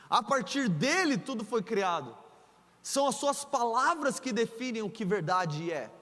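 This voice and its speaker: A man's voice: extremely high pitch, fairly bright tone. A man preaching a sermon as pastor, telling the story playfully and acting out the dialogue, in a large church hall. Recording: echoey church hall with long reverb.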